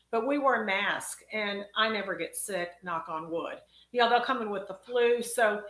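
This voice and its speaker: A woman with a Texan accent chats casually through a live question-and-answer stream, folksy and friendly with each viewer. Her voice is bright and forward. The sound carries a clear roomy echo. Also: medium pitch. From Texas. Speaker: dentist hosting a live Q&A.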